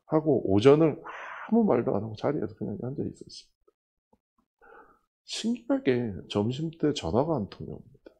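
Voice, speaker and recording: A man's voice: medium pitch, normal speed, gravelly, slightly rough. A middle-aged male pastor preaching a sermon, telling a personal testimony and acting out the dialogue of the people in it. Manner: storytelling, acting out dialogue with lively swings.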